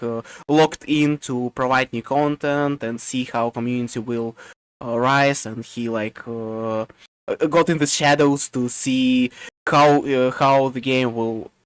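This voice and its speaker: Halting man with a smooth voice. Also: medium pitch, dry recording. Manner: halting, many fillers and restarts. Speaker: podcast co-host. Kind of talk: casual chat.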